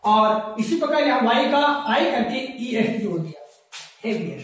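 Woman teacher, high voice, patient and step-by-step, recorded from a distance in an echoey room. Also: big pitch swings, moderate pace. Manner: patient, spells words letter by letter, checks understanding often. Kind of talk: classroom lesson. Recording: echoey room, mic far off.

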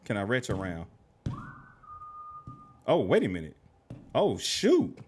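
Young male gamer, lively pitch, teasing banter, some background noise. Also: takes it slowly. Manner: playful, trash-talking the enemies. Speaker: gaming commentator. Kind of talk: horror game commentary.

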